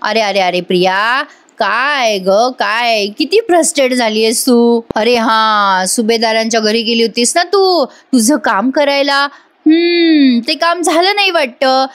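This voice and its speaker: A woman's voice: fairly high pitch, measured pace, fairly bright tone. A woman reading the part of a taunting middle-aged male schemer who mocks with repeated exclamations.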